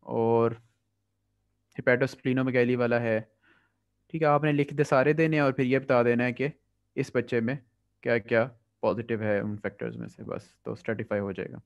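A man with a Pakistani accent going through medical exam past papers as a tutor. He reads the English questions slowly, then explains quickly in Hindi-Urdu. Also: mid-range voice, steady tone. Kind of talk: past-paper review lecture. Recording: dull lo-fi audio.

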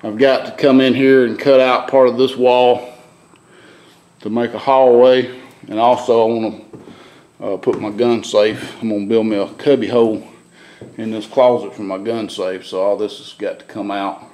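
A man's voice: lowish voice, steady tone, moderate pace, darkish tone, slight background noise. A middle-aged man walking a camera through his gutted farmhouse, giving a casual, rambling tour of the renovation with plainspoken, drawled phrasing. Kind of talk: casual walkthrough narration. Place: gutted old wooden farmhouse rooms, indoors. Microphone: handheld camera, filming while walking.

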